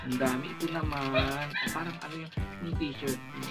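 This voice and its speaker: Coaxing Filipino man over loud music. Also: medium pitch, fairly even intonation, moderate pace, creaky, poor audio. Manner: warm, coaxing, mixes English words, gets teary. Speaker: vlogger handing out donated goods. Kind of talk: casual talk to family and camera. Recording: music playing loudly behind.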